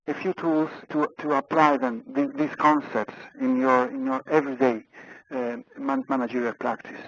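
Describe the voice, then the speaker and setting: Speaking with an Italian accent, a man from Italy presents a webinar by phone, the audio muffled. His delivery is hesitant, heavy with fillers and repetitions, and his medium-pitched voice is creaky.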